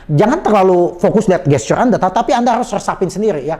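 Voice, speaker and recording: A man coaching on sales manners in a lively conversational talk, explaining with quick asides and often addressing his listener politely. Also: sits high. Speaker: sales trainer.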